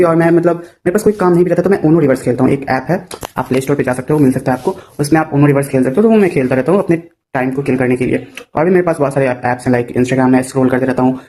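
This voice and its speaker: A man's voice: medium pitch, dark tone, a little hiss or hum. A young man vlogging to his viewers in casual chat, rambling and self-mocking, joking and slipping English phrases in as he talks. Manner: jokey, playful.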